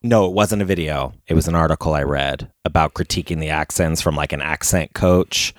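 A man's voice: a bass voice, a little fast, no echo, clean studio sound. A man co-hosting a casual chat, hesitant, full of fillers and self-corrections.

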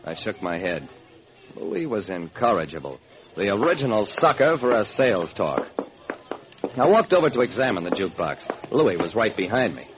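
Playing the lead and narrator of an old-time radio drama, an actor gives a shrewd detective a fairly low, very animated voice. He recounts the case with wry briskness, heard through a slightly noisy vintage recording.

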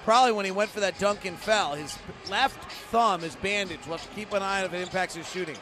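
A man doing live basketball play-by-play, in clipped running descriptions that burst into excited calls. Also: high voice, quick pace. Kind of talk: live game commentary. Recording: noisy arena sound. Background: gym noise, bouncing basketball.

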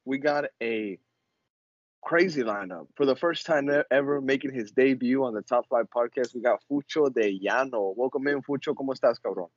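A man's voice: mid-range voice, normal speed, no room sound. A man hosts a casual sports podcast in slangy frat-bro style. His mid-range voice is recorded very dry, with a slightly dull, lo-fi tone. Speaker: podcast host.

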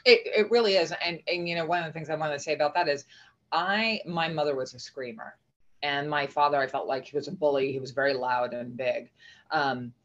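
A woman's voice: low voice, fairly quick. Middle-aged woman guesting on a podcast, earnest, starts and restarts, muffled lo-fi audio. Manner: earnest, reflective, many restarts. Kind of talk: casual conversational interview. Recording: dull lo-fi remote audio.

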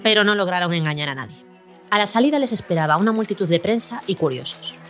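A woman's voice: mid-range voice, expressive, fairly bright tone. Woman narrating a documentary podcast. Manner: measured, storytelling delivery. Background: faint music.

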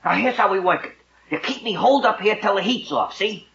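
A man's voice: high voice, lively intonation, fairly quick, creaky, a bit bright, exaggerated voice. A man playing a brash, bossy New York boy who talks like a tough gangster, in old radio comedy style. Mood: bossy, cocky. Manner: bossy gangster slang, wisecracking. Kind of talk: 1940s-50s radio comedy acting. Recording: dull roomy old radio, audience.

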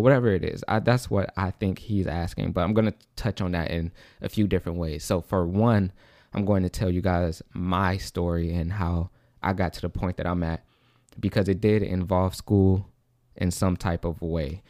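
A man's voice: fairly even intonation, normal speed, warm tone, no echo, studio quality. A young man hosting a casual solo podcast, a little out of breath, rambling and restarting his sentences. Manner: rambling, repeats and restarts, says "like" and "low-key". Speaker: podcast host.

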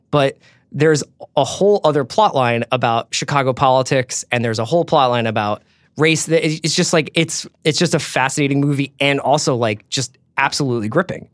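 A man's voice: mid-range voice, no echo, studio quality. An American man speaking as a podcast host, with an informal, emphatic way of talking. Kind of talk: casual film and TV chat, host-read ads.

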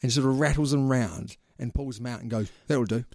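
A male podcast host with a New Zealand accent talks at a middle pitch in casual, slangy banter. The recording is dry and close, and he teases as he goes. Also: fairly quick, darkish tone, no echo. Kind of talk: casual chat.

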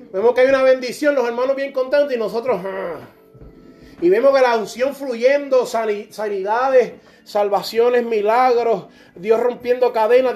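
This sermon comes from a middle-aged preacher whose extremely high-pitched voice carries a somewhat dark tone. Speaking with passion and directness, he sometimes plays the parts of churchgoers in conversation.

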